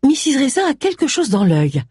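A reader voicing a stern, commanding pastor's wife in a high, clipped voice. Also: female voice, very animated, moderate pace, warm tone, dry recording, studio quality. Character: stern older woman hostess, the pastor's wife.

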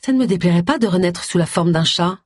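A reader voicing a sharp-tongued, irritable middle-aged woman detective in an audiobook. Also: medium pitch, fast, no room sound, studio quality, lightly acted. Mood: musing. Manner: sharp, exasperated.

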